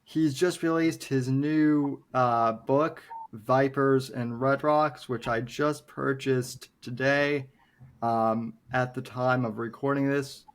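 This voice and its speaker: A man's voice: mid-range voice, steady tone, slow. A man, hosting a casual podcast interview and speaking with hesitant, thoughtful phrasing. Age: 20s. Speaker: podcast host.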